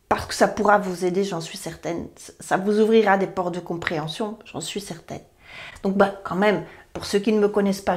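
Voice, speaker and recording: A woman's voice: medium pitch, a little mellow. A woman, a therapy practitioner talking earnestly to camera, rambling and correcting herself as she goes. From Belgium. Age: 50s. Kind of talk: personal talk to camera.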